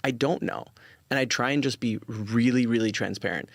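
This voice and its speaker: A forty-year-old man, founder of an influencer marketing company, speaks casually as an interview guest, earnest and emphatic, repeating words and acting out quoted dialogue. His mid-range voice runs at normal speed, recorded at studio quality with no echo.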